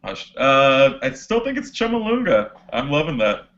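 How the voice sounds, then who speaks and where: A man's voice: medium pitch, sing-song, normal speed, a bit bright, highs cut off. A man giving brief, matter-of-fact answers in a casual podcast chat. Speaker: podcast guest.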